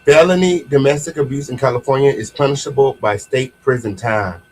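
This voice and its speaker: A man's voice: mid-range voice, a little fast, slightly rough, low-quality recording. An American man hosting a casual gossip livestream, talking in a sassy, slangy way and repeating phrases for emphasis. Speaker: host of an online gossip commentary show.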